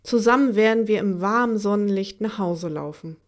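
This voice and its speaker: A woman's voice: medium pitch, normal speed, close to an everyday voice. A woman voicing a small, anxious but earnest sea fairy girl in a children's audiobook.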